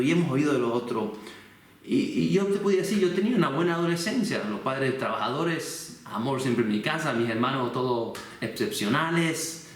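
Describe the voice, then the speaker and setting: A man from the Canary Islands, preaching an earnest, personal sermon from his home with many rhetorical questions. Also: mid-range voice. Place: room at home. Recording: very echoey room.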